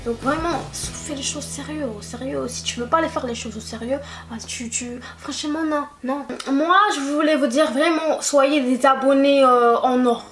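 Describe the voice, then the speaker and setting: A woman's voice: high voice, normal speed, hardly any pauses, faint music behind. A woman vlogger chatting casually and directly to her subscribers, repeating words for emphasis, recorded at home at night on a camera-mounted mic. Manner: repetitive, keeps stressing "vraiment"; talks straight to the viewer. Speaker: YouTube vlogger. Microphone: camera-mounted shotgun mic.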